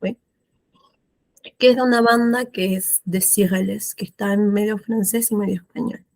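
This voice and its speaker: A woman's voice: mid-range voice, fairly even intonation, a little mellow, no echo. A woman teaching French to adult students in Spanish with an Argentine accent, patiently repeating words and checking with "¿sí?". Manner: patient, repeats words slowly, asks "¿sí?" often. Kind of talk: classroom explanation of pronunciation.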